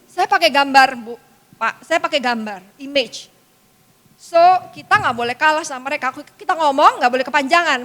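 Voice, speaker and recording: High-voiced woman in a reverberant hall. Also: fairly bright tone. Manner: chatty and anecdotal. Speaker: speaker at a parent-teacher meeting. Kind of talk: talk to parents. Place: school hall.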